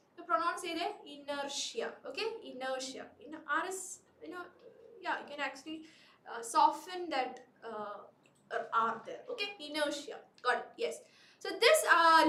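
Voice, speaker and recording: A woman's voice: very high voice, fairly bright tone, far from the mic. A woman teacher, running a live online class and coaxing students with repeated prompts. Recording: echoey room.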